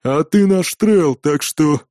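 A man's voice: on the high side, slow, dark tone, no echo, clean studio sound. A man voicing a mocking male northern warrior who drawls with a smirk.

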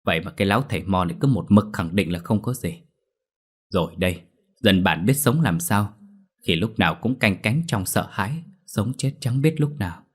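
A man voicing a rough-spoken, fretful older male villager in a storybook horror tale. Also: on the low side, expressive, moderate pace. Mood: worried.

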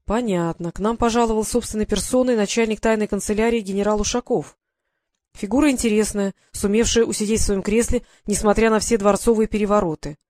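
An audiobook narrator reading a first-person historical story in a calm, measured way. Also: medium pitch, no echo. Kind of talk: scripted narration.

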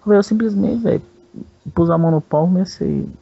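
A man's voice: high-pitched, a little fast, creaky, breathy edge, muffled recording. A Brazilian man telling a personal story in a rambling, crude way, with a lot of slang. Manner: rambling and crude, peppers speech with "velho". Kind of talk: casual storytelling.

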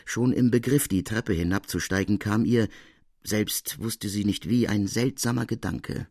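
A man reading a classic literary tale aloud in a measured, expressive storytelling voice. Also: on the low side, husky, no room sound, clean studio sound. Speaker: reader.

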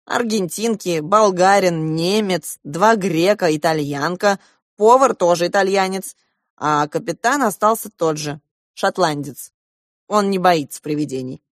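A woman voicing a loud, excitable middle-aged rich man who owns a yacht, reading an audiobook. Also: on the low side, measured pace, no echo, clean studio sound, close to an everyday voice. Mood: excited. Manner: loud, exclamatory, bossy. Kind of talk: audiobook character voice.

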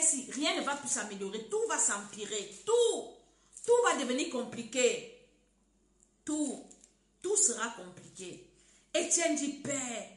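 A woman's voice: high-pitched, a bit bright. A woman preaching a sermon, exhorting the listener directly and leading a prayer for them to repeat. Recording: echoey room.

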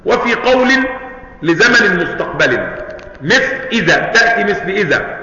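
A man's voice: on the high side, pushed and bright, a little hiss or hum. Egyptian man teaching in an echoey hall. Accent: Egyptian Arabic. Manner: asks students questions often; quotes and recites Quranic verses. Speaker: Islamic studies teacher. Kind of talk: recorded lesson. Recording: dull, echoey hall recording.

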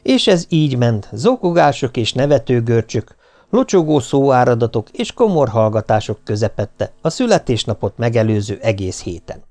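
A man's voice: mid-range voice, sing-song, a little mellow. A man narrating an audiobook with a wry, ironic storytelling manner. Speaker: audiobook reader. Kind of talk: scripted narration.

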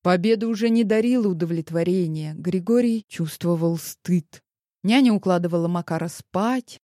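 Lowish, dry-voiced woman narrator. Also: dark tone, no echo. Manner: measured, dramatic storytelling. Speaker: audiobook narrator. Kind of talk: scripted narration.

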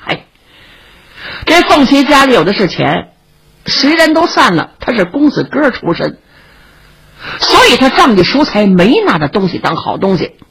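A woman narrating a traditional story, dramatic and vivid, with a raspy voice. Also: a little high, sing-song, moderate pace, a bit bright, rough recording.

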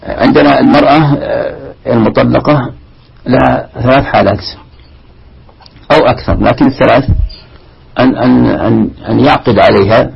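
A man teaching a classical Arabic lesson on Quran commentary, halting and repeating himself as he explains. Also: mid-range voice, fairly even intonation, gravelly, slightly rough, lo-fi sound.

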